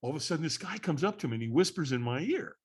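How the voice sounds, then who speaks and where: A man who is a guest on a podcast, telling an animated story, acting out the voices he quotes and laughing often. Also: on the high side, racing, breathy edge. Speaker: guest, firewalking instructor.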